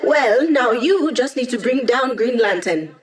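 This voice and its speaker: A woman's voice: on the high side, lively intonation, a little slow. A woman playing a quirky, upbeat young female AI hacker in a video game, with a playful, wry, conversational delivery. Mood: wry, brisk. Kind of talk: scripted video game character dialogue.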